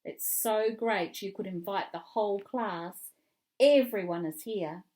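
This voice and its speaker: A woman voicing an excitable young girl at a birthday party in a children's read-along. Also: medium pitch, unhurried, close to an everyday voice. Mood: thrilled.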